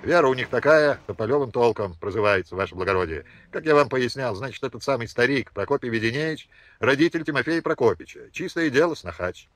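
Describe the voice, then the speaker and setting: A man's voice: mid-range voice, expressive, a little fast, fairly bright tone, no room sound, close to an everyday voice. A man voicing a village police sergeant who explains matters deferentially to his superior. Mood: explaining.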